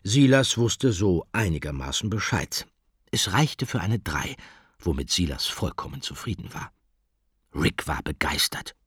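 A man narrating a children's storybook in a lively, expressive reading style. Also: deep voice, normal speed, slightly rough, no echo, studio quality. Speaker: audiobook narrator.

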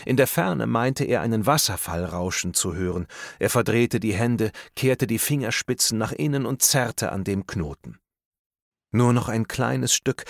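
A man reading a thriller audiobook aloud in a tense, measured storytelling manner. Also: on the low side, no echo, clean studio sound. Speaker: audiobook narrator. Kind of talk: scripted narration of a thriller.

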